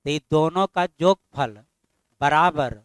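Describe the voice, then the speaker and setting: A middle-aged man teaching a math class, firing constant questions at his students and scolding them mildly when they are slow. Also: on the high side, smooth, dry recording.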